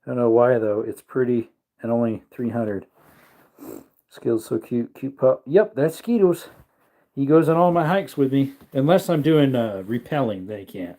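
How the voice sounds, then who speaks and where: Speaking at normal speed in a mellow voice, a thirty-something host streams live from his home man cave, chatting loosely and reading viewer comments. He uses high baby-talk whenever he calls his dog.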